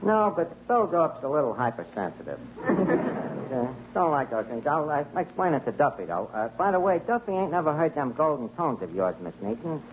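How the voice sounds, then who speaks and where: A man's voice: a little high, big pitch swings, normal speed. A man playing a slangy, wisecracking tavern manager in 1940s radio comedy acting. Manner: wisecracking, folksy, drops into slangy grammar. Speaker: tavern manager answering the phone. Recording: lo-fi old radio broadcast with hiss.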